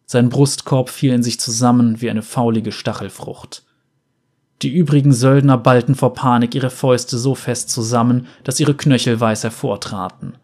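Measured male fantasy narrator. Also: medium pitch, steady tone, darkish tone. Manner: measured, dramatic. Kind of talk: dramatic story reading.

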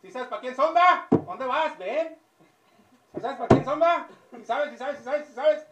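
A man's voice: very high-pitched, big pitch swings, muffled recording, pitched above the performer's own voice, heavily acted. A man playing a rowdy, impatient café customer who bellows for the waiter and repeats words over and over. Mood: pushy mocking. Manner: shouting and repeating words rapid-fire. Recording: echoey room, mic far off, loud background noise.

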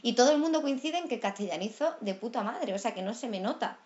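A woman with an Andalusian accent chatting casually, a lively storyteller who laughs often and keeps saying "you know". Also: fairly high pitch, fast. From Andalusia, Málaga. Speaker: guest actress. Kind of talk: casual chat. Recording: dull lo-fi sound.

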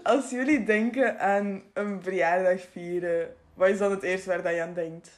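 A woman's voice: mid-range voice, steady tone, normal speed. A woman from Belgium with a Flemish accent, hosting a podcast in a casual, conversational style. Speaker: podcast host.

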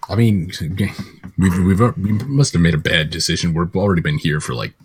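A man's voice: low-pitched, moderate pace, husky. A man hosting a comedy podcast with casual, joking banter.

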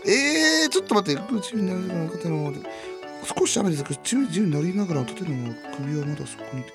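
A man co-hosting a casual talk show, answering quiz questions and firing back quick retorts. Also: sits high, big pitch swings, vocal fry, music in the background. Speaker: podcast co-host. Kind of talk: casual chat.

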